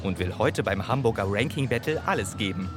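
A man narrating a TV report in scripted narration, with a measured reporter's delivery. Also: lowish voice, animated. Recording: narration over loud music. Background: music.

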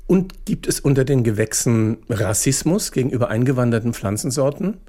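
A man hosting a scripted satirical radio segment in a wry, deadpan manner. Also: mid-range voice, fairly quick. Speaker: host.

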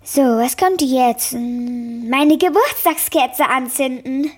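A woman's voice: high-pitched, takes it slowly, slight background noise. A woman voicing a cheeky young girl left home alone in a children's radio play.

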